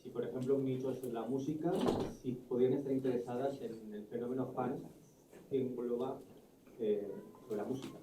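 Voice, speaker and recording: A man's voice: mid-range voice, steady tone, moderate pace, dark tone. A man in the audience asking the panel a tentative question with fillers. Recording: roomy hall sound, distant mic, faint noise.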